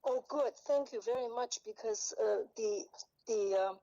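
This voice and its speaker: A woman's voice: on the high side, a little slow, mellow. A woman speaking over a speakerphone held up to a microphone, giving a formal but hesitant statement as a neighbor at a public hearing. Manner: hesitant, with many fillers and restarts. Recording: muffled speakerphone sound through a microphone.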